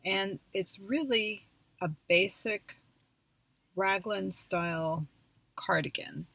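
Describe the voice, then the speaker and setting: A woman co-hosting a podcast, chatting casually in a measured, unhurried way. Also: lowish voice, a bit bright, no room sound. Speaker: podcast co-host. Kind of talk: casual chat about knitting projects.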